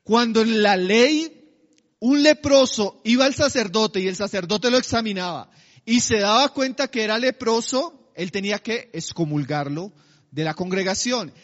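A man preaching a sermon, asking his congregation rhetorical questions and slowing down to stress key phrases. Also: high-pitched, in a large hall, lo-fi sound. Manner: slows to a drawn-out, emphatic cadence on key phrases.

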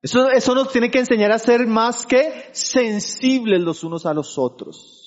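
Pastor, male, very high voice; sermon with rhetorical questions to the congregation, muffled recording. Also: a little slow. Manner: keeps asking the congregation for agreement; addresses listeners as brothers.

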